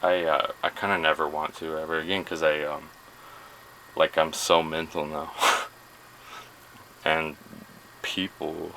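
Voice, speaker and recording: Low-voiced guy rambling at his camera, swears a lot, bright voice, swoops up and down a ton. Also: slight background noise, rough recording. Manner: rambling, profane, self-deprecating, trailing off. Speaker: vlogger.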